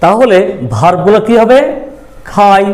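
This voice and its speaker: A man's voice: high voice, normal speed, darkish tone. A man teaching a grammar lesson. He keeps asking questions, answers them himself, and sometimes scolds a little. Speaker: English teacher.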